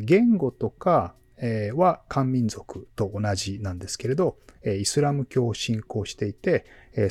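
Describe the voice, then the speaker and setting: A man hosting a Japanese-language podcast, interviewing a former student and calmly explaining background for learners. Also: medium pitch, husky, no room sound. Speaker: podcast host and Japanese teacher.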